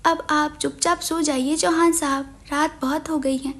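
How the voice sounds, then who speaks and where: A caring young woman with a soft, coaxing, soothing way of talking, read by a woman narrator. Her high voice fits a romance audio story. She comes across as patient and teasing. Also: steady tone, a little slow.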